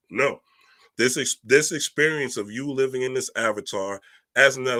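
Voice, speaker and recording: A man with a lowish voice, pushed and bright, gives a relaxed spiritual monologue as a reader and speaker. He preaches emphatically in street slang, often adding "right?"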